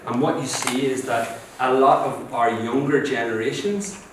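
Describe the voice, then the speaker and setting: A man gives a university lecture, explaining step by step and checking in with his listeners. His voice sits at an ordinary middle pitch. It booms around a large, very reverberant hall, heard from a distance over faint ambience. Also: steady tone, a little slow, background noise. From Northern Ireland. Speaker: guest lecturer.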